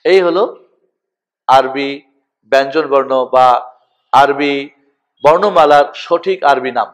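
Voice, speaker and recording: A male Quran teacher from Bangladesh, medium in pitch, leads a recitation lesson in call-and-repeat style. He goes slowly and deliberately, spelling out each letter name so students can repeat it.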